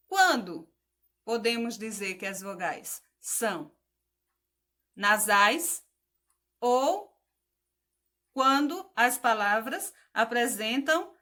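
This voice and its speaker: A woman's voice: fairly high pitch, pushed and bright. A woman teacher giving a patient phonics lesson to children, spelling out letters, asking questions and praising the answers.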